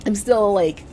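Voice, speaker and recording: A woman's voice: mid-range voice, background noise. A woman doing casual gameplay commentary while sick with a congested chest, blunt and grumbling, with casual swearing. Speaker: game streamer.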